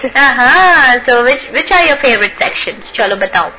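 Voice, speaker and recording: A woman's voice: high voice, expressive, fairly quick, over music, poor audio. A young woman with a North Indian accent co-hosting a radio show in teasing, playful casual chat. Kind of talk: playful casual chat mixing Hindi and English.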